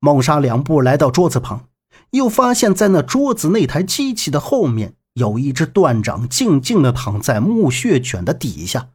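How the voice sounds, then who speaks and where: Husky man narrating a serialized novel. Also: fairly high pitch, very animated, moderate pace, darkish tone. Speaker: audiobook narrator.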